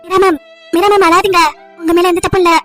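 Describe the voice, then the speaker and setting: A woman voicing a gentle female colleague who consoles a teacher in an amateur audio drama. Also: extremely high pitch, little pitch movement, quick pace, soft background music. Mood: consoling.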